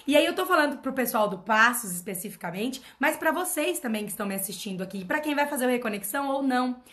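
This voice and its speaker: A woman's voice: high voice, expressive, fast, fairly bright tone. A woman mentoring her followers in an emphatic motivational talk. She repeats her points and keeps asking rhetorical questions. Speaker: personal development mentor.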